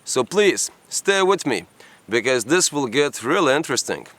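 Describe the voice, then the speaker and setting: A man's voice: mid-range voice, big pitch swings, moderate pace, loud music behind the voice. A man narrating a travel vlog in a chatty way, with slightly non-native phrasing. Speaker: travel vlogger. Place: outdoors in the rainforest.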